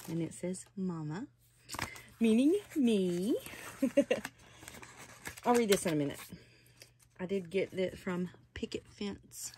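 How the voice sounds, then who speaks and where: An older woman chatting slowly and fondly in her small hobby room at home, gushing as she opens a doll box. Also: lowish voice, a little hiss or hum. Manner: chatty, softly gushing, slow and unhurried. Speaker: reborn doll collector. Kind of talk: casual unboxing chat.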